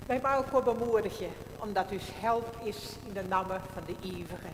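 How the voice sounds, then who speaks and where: Woman pastor in cathedral-like echo. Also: mid-range voice. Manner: calm, measured liturgical speech. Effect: cathedral-like echo with long reverb. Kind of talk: church service liturgy and prayer. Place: large church. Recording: echoey church livestream, audible room noise.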